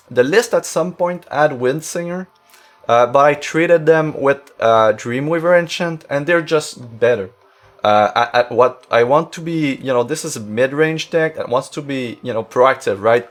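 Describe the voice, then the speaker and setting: A man with a French-Canadian accent, a native French speaker, chats casually about a card-game deck. His voice sits at an ordinary middle pitch. He thinks aloud, leaning on filler words and circling back to restart his sentences. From Quebec, Canada. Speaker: streamer.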